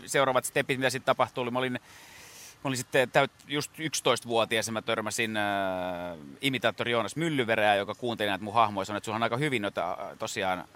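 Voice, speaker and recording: A man with a lowish, fairly bright voice is a guest impressionist in a radio studio. In a casual interview, he tells stories in a rambling way, with many fillers and restarts.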